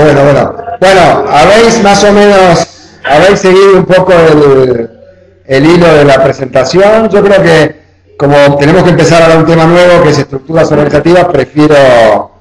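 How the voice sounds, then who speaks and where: A man with a slightly high voice gives an online class lecture at normal speed, in a room with a noticeable echo. He explains things step by step, frequently adding "o sea" and checking in with "¿eh?".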